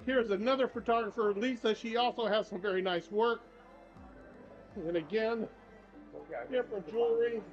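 An older man with a high, slightly mellow voice leads a chatty, upbeat walking tour through a small town's shops and streets, both indoors and out. A travel vlogger and guide, he films on a handheld camera as he walks, and the sound is slightly dull with faint music behind.

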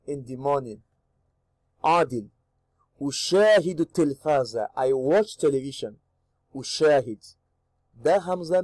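A man's voice: on the high side, a little mellow, breathy edge, dry recording. A man teaching a language lesson, reading short dialogue lines and giving each one's English meaning. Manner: reads each line in Arabic then gives the English, slow and deliberate. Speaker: Arabic teacher.

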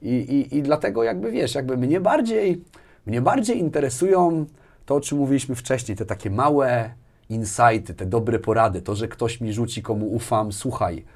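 A business executive in his forties, speaking as an interview guest, has a medium-pitched, darkish voice with vocal fry, lively intonation and normal speed. He's casual but emphatic, often tacking on little tag questions. Recorded on a lapel mic in a small studio with armchairs and bookshelves.

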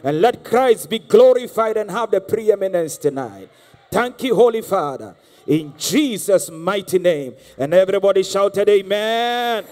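Preaching a charismatic sermon on a large church hall stage, a Ghanaian man in his thirties speaks unhurriedly into a handheld mic. His voice sits high with a darkish tone and lively intonation, urging the crowd and repeating lines for them to respond to. The recording is live, with long reverb and music.

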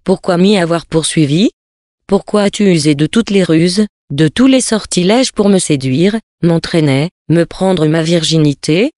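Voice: mid-range voice, unhurried, darkish tone, dry recording, clean studio sound, close to an everyday voice. A reader voicing a wronged, ailing young Bedouin woman who pleads and then hurls accusing questions, in a storybook reading.

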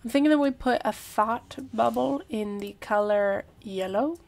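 A young woman doing playful comedic commentary over a video game, breaking into loud shouts. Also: on the high side, unhurried, vocal fry. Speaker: YouTuber. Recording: light background music.

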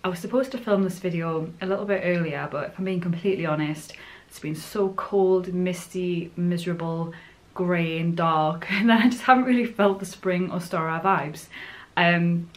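Woman, 20s, Northern English accent, slightly low voice, informal vlog chat to camera. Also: brisk. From Northumbria, northern England. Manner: informal, chatty. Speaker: vlogger. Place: furnished living room indoors.

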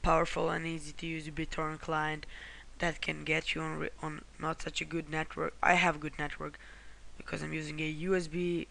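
A man's voice: a little high, completely flat delivery, normal speed, vocal fry, bright, forceful tone. A man from Croatia, talking through a screen-recorded how-to walkthrough in a rambling way, often correcting himself and apologizing. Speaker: tutorial host.

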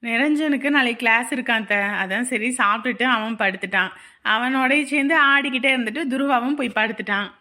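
A woman's voice: a little high, quick pace, bright, forceful tone. A woman playing a dutiful, polite daughter-in-law in a family drama. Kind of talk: dubbed family serial drama.

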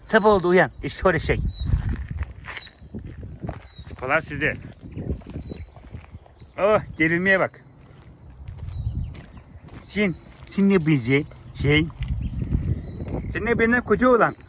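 A man's voice: fairly high pitch, animated, slow, long pauses, fairly bright tone, slight background noise. A man talking outdoors to his farm animals, coaxing and scolding them fondly. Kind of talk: affectionate teasing talk to animals, vlog.

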